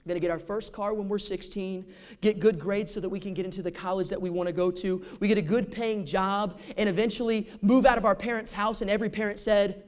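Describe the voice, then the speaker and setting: A man's voice: high voice, steady tone, quick pace, clean tone. A man preaching a sermon in a conversational way, asking the congregation rhetorical questions. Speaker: pastor.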